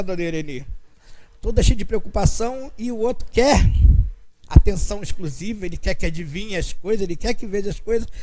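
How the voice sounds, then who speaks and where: A man's voice: high-pitched, warm tone, rough recording. An older man, leading a spiritist study group in a chatty, anecdotal way and acting out bits of dialogue. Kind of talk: casual talk to a study group.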